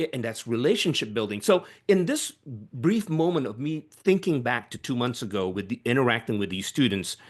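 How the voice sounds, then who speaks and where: Guy on a webinar panel, voice goes way up and down, lots of uh's and restarts, medium pitch. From Malaysia. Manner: animated, emphatic, with many restarts and fillers. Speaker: panel speaker.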